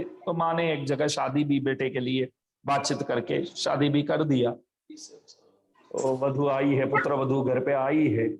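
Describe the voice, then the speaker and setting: A man's voice: mid-range voice, a little hiss or hum. A man giving a devotional discourse, telling a family story and acting out the characters' lines. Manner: acts out family members' quoted lines in a story. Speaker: spiritual speaker.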